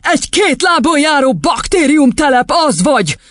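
A man's voice: very high-pitched, big pitch swings, fairly bright tone, dry recording, studio quality, voice pushed up, exaggerated voice. A man voicing a furious, tyrannical female headmistress in an audiobook, screaming and scornful. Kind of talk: audiobook character voice.

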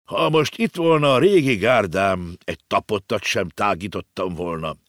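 A man's voice: fairly low pitch, animated, a bit bright, no echo, clean studio sound. A man reading aloud and voicing a pompous, vain old emperor with grand, indignant speech. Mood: haughty.

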